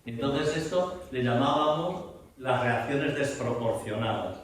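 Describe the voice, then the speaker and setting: A man's voice: mid-range voice, a little slow, distant mic, a little hiss or hum. Man lecturing in an echoey room. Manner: animated, reciting verse with emphatic shifts. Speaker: theater director and voice teacher. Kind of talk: lecture in a masterclass. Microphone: distant room mic.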